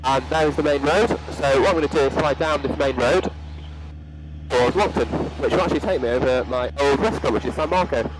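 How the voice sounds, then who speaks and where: Inside a small light aircraft in flight, a young adult student pilot narrates his actions step by step. His medium-pitched voice runs a little fast over a noisy background.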